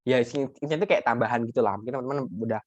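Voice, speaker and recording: Talking rapid-fire in a medium pitch, a workshop tutor gives a relaxed, chatty lesson, treating his listeners like friends and using lots of fillers and restarts. The recording sounds dry, dull and lo-fi.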